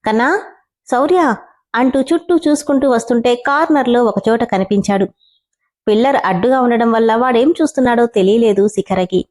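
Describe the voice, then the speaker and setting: A woman's voice: fairly high pitch, brisk, darkish tone. A woman narrating a story aloud, reading expressively and switching between character voices.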